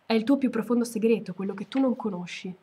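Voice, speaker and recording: A woman voicing a wise, solemn male lion in a read-aloud story, speaking in a grave, measured way. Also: a little high, dark tone, husky.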